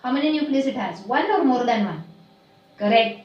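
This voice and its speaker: Woman teacher, high voice, slow and deliberate, drilling students, very echoey room far from mic. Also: expressive, darkish tone, muffled recording, faint music behind. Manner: slow, deliberate stressing of key terms, quizzing students. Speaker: biology teacher. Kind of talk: classroom lecture mixing Hindi and English.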